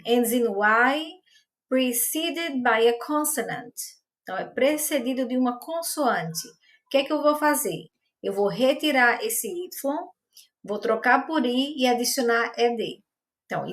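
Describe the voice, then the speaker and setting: Patient woman teaching English grammar. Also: fairly high pitch. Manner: patient and methodical, spells out and repeats examples slowly. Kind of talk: explaining grammar to learners.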